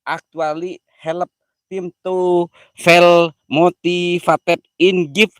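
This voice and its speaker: A man's voice: high voice, little pitch movement, drawn-out words, fairly bright tone, smooth, no room sound. A man hosting a casual live stream, giggly and easily flustered, mixing slang with broken English.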